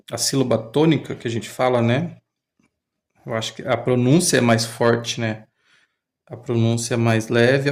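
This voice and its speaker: A man's voice: mid-range voice, gravelly. A man, talking casually and hesitantly as he comments on a language lesson. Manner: thinks aloud, hesitant, restarts often. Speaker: language learner host.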